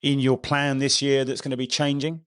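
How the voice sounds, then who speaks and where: Male host, mid-pitched, casual questioner who restarts his sentences. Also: little pitch movement, moderate pace. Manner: conversational, asks questions with restarts. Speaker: podcast host. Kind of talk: podcast interview.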